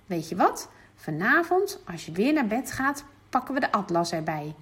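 A woman reading aloud the lines of a patient, cheerful father in a children's storybook, speaking in a gentle, playful, explaining way. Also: mid-range voice, very animated, moderate pace, slightly rough.

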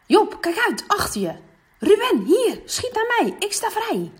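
A woman voicing eager schoolchildren shouting during a football game. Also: very high-pitched, huge pitch swings, fast talker, voice pushed up, full character voice. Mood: excited shouting.

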